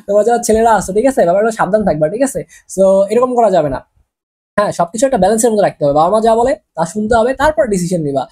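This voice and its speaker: A woman's voice: mid-range voice, animated, very fast, dark tone, husky. A woman teacher with a Bangladeshi accent, working through exam quiz questions in a chatty way that keeps checking in with students. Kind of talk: exam-prep lesson solving quiz questions.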